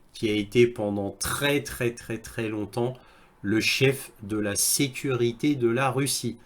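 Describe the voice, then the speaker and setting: A man commenting on video clips and reading articles aloud, with halting delivery and frequent hesitations. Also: on the low side. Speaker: online news commentator.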